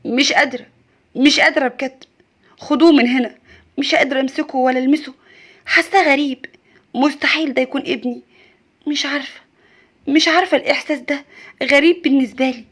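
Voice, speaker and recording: A woman's voice: high voice, fairly even intonation, fast, long pauses, fairly bright tone. Distraught young Egyptian mother, pleading and fearful, as a woman plays her. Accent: Egyptian Arabic. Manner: pleading, anxious.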